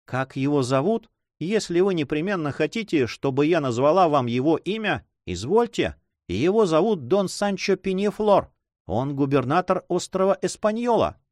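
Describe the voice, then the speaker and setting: A man's voice: a little high, sing-song, moderate pace, darkish tone, no room sound, clean studio sound, voice pushed up. A man voicing an anxious, pleading noblewoman who runs an inn, in a raised voice in an audiobook. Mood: urgent. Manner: insistent, pleading.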